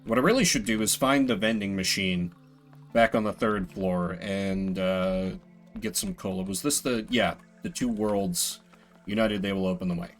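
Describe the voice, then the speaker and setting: A man with a low voice talks at normal speed as he streams a video game, with faint music in the background. His commentary is casual and rambling, reading out game text and slipping in playful, mock-grandiose remarks.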